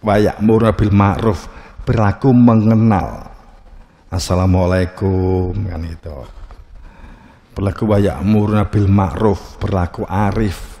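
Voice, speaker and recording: A man with a Javanese accent gives a religious lecture at a slow, unhurried pace, joking and acting out little scenes. His low voice is gravelly and mellow. The sound rings with a long reverb, as in a large hall. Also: level tone. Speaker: religious teacher.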